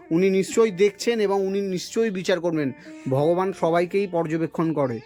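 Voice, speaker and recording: A man interviewing gently, asking sympathetic questions and consoling. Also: high voice.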